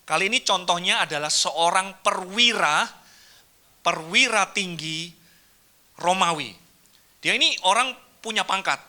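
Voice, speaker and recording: A man preaches a sermon in a church, his voice high and very bright. He tells the story with animation, acting out what the characters say, and sometimes drops to a soft near-whisper. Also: lively intonation, measured pace, long pauses. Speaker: pastor.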